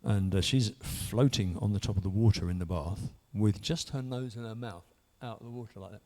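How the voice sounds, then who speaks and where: This man's voice is lowish and a little mellow, and he talks a little fast. In his 50s, he offers a church testimony, earnestly telling his own story in a rambling manner full of restarts.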